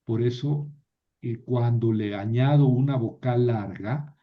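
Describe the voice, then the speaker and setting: A man gives a slow, unhurried Greek grammar lecture. He pauses, repeats words and corrects himself as he goes. The recording sounds dull and lo-fi. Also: medium pitch. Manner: halting, repeats and corrects himself, asks "verdad?". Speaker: teacher of biblical Greek.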